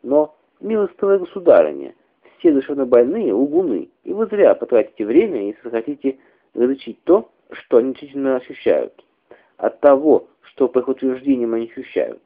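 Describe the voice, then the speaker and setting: A man's voice: mid-range voice, sing-song, moderate pace. A man voicing a pompous middle-aged doctor in a radio reading, lecturing and dismissive. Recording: tinny phone-like radio recording.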